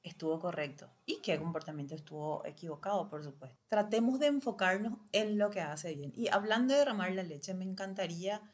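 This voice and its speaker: A woman's voice: on the low side, fairly quick, few pauses, a little mellow. Woman co-host giving parenting advice. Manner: explains with everyday examples, addresses listeners directly. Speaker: co-host of a parenting talk show. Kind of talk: conversational advice talk.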